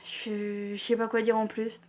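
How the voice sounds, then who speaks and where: Young woman vlogger, slow and hesitant, flat delivery, higher-pitched, casual predictions chat. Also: slight background noise. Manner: hesitant, many fillers, self-deprecating. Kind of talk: casual wrestling predictions vlog.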